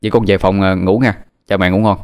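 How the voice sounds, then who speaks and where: A man's voice: sits low, little pitch movement, fairly quick, a little mellow. A man voicing a cheerful, naive young son. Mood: worried.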